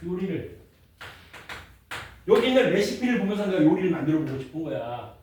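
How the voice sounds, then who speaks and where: A man's voice: sits high, big pitch swings, brisk, a little mellow. A male teacher lecturing informally, explaining in very simple steps as if to a child and checking that listeners follow. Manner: repeats key points, checks for understanding with short questions. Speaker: science teacher. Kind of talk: classroom lecture. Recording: echoey room, distant mic, faint noise.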